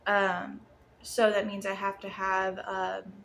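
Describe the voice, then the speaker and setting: A woman's voice: mid-range voice, completely flat delivery, takes it slowly, fairly bright tone. Young female student teacher, slightly muffled sore-jaw speech, informal and hesitant, noisy home recording. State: sore jaw after wisdom tooth removal. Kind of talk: informal lesson plan presentation. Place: apartment room. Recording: clear background room noise.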